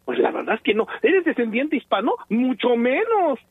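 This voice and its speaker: A man's voice: extremely high pitch, very animated, normal speed, husky, dry recording. A Mexican man calling in to a radio show, speaking passionately and hesitantly with many fillers. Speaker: radio caller. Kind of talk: phone-in call to a radio show. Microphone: telephone. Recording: tinny phone line.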